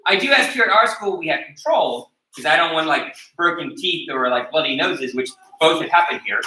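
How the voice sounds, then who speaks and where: A man's voice: fairly high pitch, lively intonation, brisk, bright, forceful tone. A martial arts instructor explaining sparring rules to his students, emphatic and checking in with "okay?". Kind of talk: teaching a class of students. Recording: roomy and distant from the mic.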